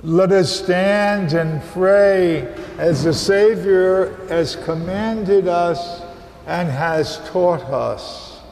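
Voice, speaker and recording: A man who is a priest, reciting Mass prayers in a solemn, measured way, with cathedral echo around his voice. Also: sits high, a little mellow, slight background noise. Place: large cathedral sanctuary, indoors. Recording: cathedral echo, long church reverb.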